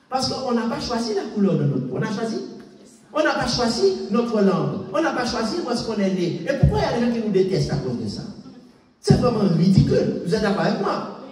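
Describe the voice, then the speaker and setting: Male preacher, very high voice, emphatic call-and-response style, recorded from afar in a reverberant church. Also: recorded from a distance. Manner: rhetorical questions, repeated amens, emphatic. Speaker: pastor. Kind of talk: sermon. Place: large echoey church hall. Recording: echoey hall, voice picked up from afar.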